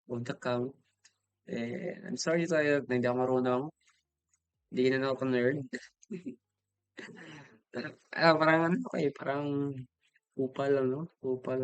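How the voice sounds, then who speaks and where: A man's voice: medium pitch, clear, resonant tone, no echo, highs cut off. A young man with a Filipino accent, casually answering viewer comments on a livestream, apologetic and chatty as he switches between English and Tagalog. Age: young adult.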